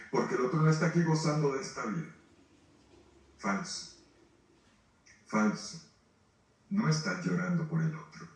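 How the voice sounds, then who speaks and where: A man's voice: on the low side, darkish tone. Male priest, emphatic preaching, heard from a distance in a very echoey room. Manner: emphatic, rhetorical questions, speaks to listeners directly. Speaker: priest leading a grief retreat. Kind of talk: sermon. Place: formation house hall.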